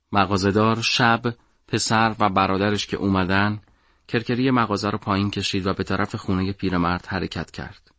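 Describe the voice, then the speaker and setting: A man narrating a story for an audiobook in a measured, dramatic way. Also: low voice, a bit bright, dry recording, studio quality.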